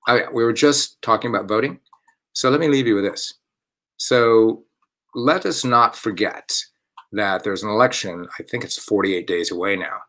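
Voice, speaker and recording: A man's voice: lowish voice, normal speed, a bit bright. A man hosting a casual online chat for a theater company from home. He rambles, corrects himself and chuckles often. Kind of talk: casual live-stream chat.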